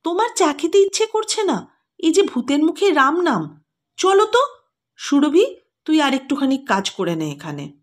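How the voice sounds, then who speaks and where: Woman voicing a bossy teasing older sister, high lively voice, brisk, storybook reading.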